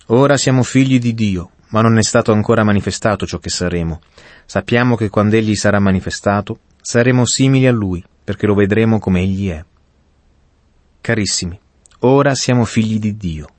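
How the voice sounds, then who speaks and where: Low-voiced earnest male preacher, dry sound. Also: no echo. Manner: earnest, addresses listener directly. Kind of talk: radio Bible sermon.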